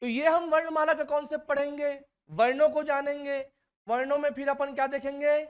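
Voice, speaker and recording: A man's voice: very high voice, little pitch movement, fairly quick. A male teacher giving a classroom lecture, quizzing his students and repeating key terms.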